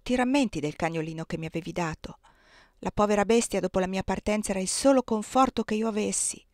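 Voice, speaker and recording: A woman's voice: mid-range voice, fast, a little mellow, dry recording, close to an everyday voice. A woman reading the part of an enslaved young husband who speaks grimly and bitterly about his master, in a dry, close audiobook recording. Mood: bitter, indignant.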